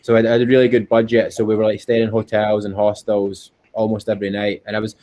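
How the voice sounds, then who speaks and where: A man's voice: fairly low pitch, completely flat delivery, fast talker, mellow. A man with a Scottish accent chatting informally and earnestly as an interview guest, often repeating himself. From Scotland. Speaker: interview guest, endurance cyclist. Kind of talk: casual interview chat. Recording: dull, lo-fi call audio.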